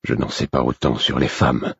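A man voicing a stern, loyal older stablemaster who speaks curtly and gruffly. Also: extremely low pitch, fairly even intonation, fairly quick, no echo, muffled recording, heavily acted. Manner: curt, gruff.

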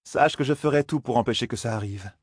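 A man's voice: medium pitch, slightly rough, no echo, clean studio sound, voice pushed up, close to an everyday voice. A man doing a stern commanding sorceress. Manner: measured, imposing demands. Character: stern, commanding woman sorceress, cold authority.

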